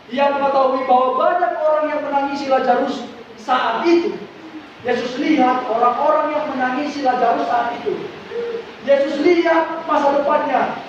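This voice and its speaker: Male preacher, high pitch, dramatic sermon storytelling, muffled and echoey recording. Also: a little hiss or hum. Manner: dramatic, swings from hushed to loud. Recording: very echoey, distant mic, dull sound.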